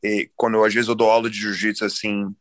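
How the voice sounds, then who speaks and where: Guest, young man from Brazil, bright voice, dry close sound, easygoing talk. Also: fairly low pitch, flat delivery, quick pace, no room sound. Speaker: podcast guest, jiu-jitsu athlete. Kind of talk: casual chat.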